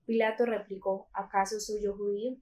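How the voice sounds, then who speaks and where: A woman from Colombia reading a Gospel passage aloud in a calm, measured way, with a few small slips. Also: mid-range voice, low-quality recording. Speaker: scripture reader.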